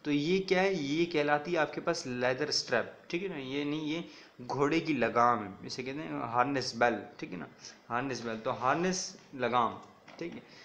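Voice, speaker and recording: A male teacher giving a recorded classroom lesson. He mixes Hindi-Urdu with English, reads each English line slowly, then explains it, and keeps checking with "ठीक है ना". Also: mid-range voice, a bit bright. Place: recorded video lecture.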